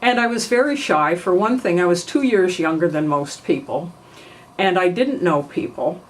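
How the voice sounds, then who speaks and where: An older woman from New York telling family memories in an unhurried way, often clearing her throat. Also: lowish voice, rough recording. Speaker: family memoir narrator. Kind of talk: reminiscing oral history.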